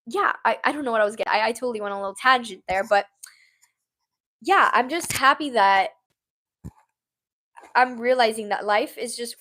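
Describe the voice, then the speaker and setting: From home, a twenty-something woman chats casually on a podcast-style livestream, replying to live comments through a little handheld mini mic. Her fairly high, slightly bright voice carries a giggly, bubbly ramble full of "like."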